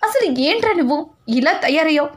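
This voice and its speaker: A scheming, sharp-tongued mother-in-law from a television serial retelling, voiced by a woman narrator. She scolds in a high, cutting tone close to the narrator's own. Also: expressive, fairly quick. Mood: scolding.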